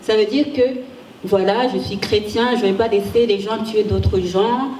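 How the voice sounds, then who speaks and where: Woman presenting research at a conference, warm and mellow, often pausing and restarting; recorded from afar in a reverberant room. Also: medium pitch, fairly even intonation. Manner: halting, frequent restarts while searching for words. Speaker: conference speaker, ethics researcher. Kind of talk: academic conference talk with slides. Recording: echoey room, distant mic, faint hiss.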